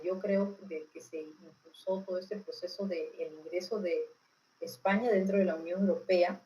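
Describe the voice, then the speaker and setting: Her voice is mid-range and dark, and the recording cuts off the highs. She's a woman from Peru with a Peruvian accent, a political expert being interviewed who explains informally and didactically, frequently checking understanding through tag questions.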